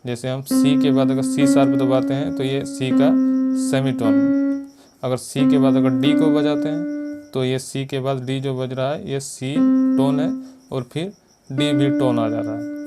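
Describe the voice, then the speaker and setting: A man from India teaches piano step by step in an unhurried, steady, medium-pitched voice, patiently repeating finger counts and note names. Loud piano playing runs behind his voice throughout the lesson.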